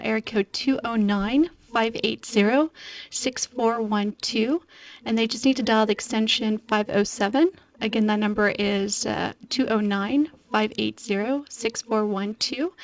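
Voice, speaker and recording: A woman's voice: fairly high pitch, no room sound, rough recording. Earnest woman guest on talk radio. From Portugal. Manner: earnest, explains at length with many fillers. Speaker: guest, nonprofit program coordinator. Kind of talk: radio interview.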